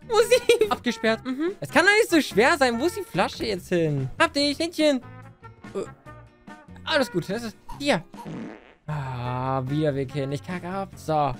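High, lively woman gamer over music. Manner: excitable, shrieks and laughs at the game. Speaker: let's-play gamer. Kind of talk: gameplay commentary. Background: game music.

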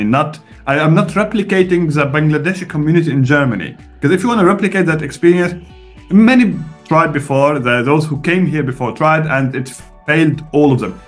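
Blunt bearded man on a video call. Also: fairly high pitch. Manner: blunt, explanatory, lively emphasis. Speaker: guest. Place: home room with bookshelves. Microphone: webcam on video call.

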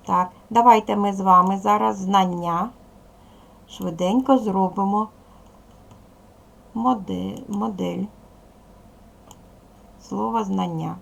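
Woman, Ukrainian accent, primary teacher, very slow and deliberate, gravelly voice. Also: mid-range voice, fairly bright tone. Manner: slow, deliberate, spells out sounds. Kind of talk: slow, clear classroom instruction.

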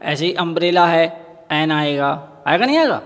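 High-voiced male teacher in an echoing room. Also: lively intonation, fairly bright tone. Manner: asks the class questions and answers them himself; repeats each example word slowly. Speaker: school teacher. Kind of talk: classroom grammar lesson.

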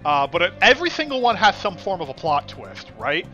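Young guy w a lisp, crude sarcastic gamer banter, pitch bouncing all over, faint game music behind. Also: big pitch swings, brisk, bright, forceful tone, muffled recording. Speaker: let's play co-host. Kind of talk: casual gaming chat.

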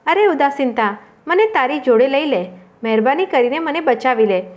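A woman voicing Love, a gentle male spirit who pleads for help. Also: high-pitched, expressive, moderate pace, highs cut off. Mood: pleading.

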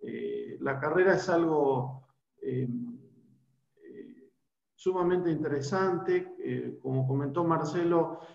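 Talking slowly in a voice on the high side, creaky and a little mellow, this Argentine-accented man in his forties addresses prospective students informally as a university lecturer, hesitating with many fillers and restarts. He calls in from a small home room via laptop webcam; the audio is echoey, dull lo-fi.

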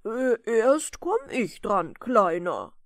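A woman's voice: sing-song, no echo, studio quality, heavily acted. A woman doing a jovial good-natured giant. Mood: friendly, pleading. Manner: slow, drawn-out, booming delivery. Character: big good-natured friendly male giant. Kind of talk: bedtime audiobook reading.

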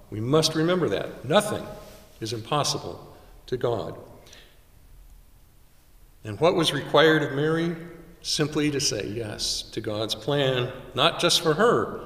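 A man's voice: medium pitch, a bit bright. Older man preaching in an echoey chapel. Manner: measured preaching with dramatic pauses. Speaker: chaplain. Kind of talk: sermon. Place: small chapel, indoors. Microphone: stand mic at pulpit, far camera. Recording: roomy chapel echo from far off.

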